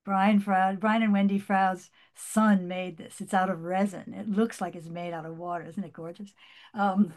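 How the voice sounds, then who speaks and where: An animated woman author talks about her book and reads a passage from it. She speaks in an energetic voice with frequent restarts, then slows down for the narration. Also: medium pitch. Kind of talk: conversational interview, then reading from her book.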